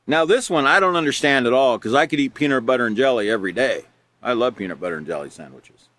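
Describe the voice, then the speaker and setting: A man's voice: mid-range voice, animated, fast talker, fairly bright tone. A man teaching a live character education class, reading out examples and patiently explaining them with rhetorical questions.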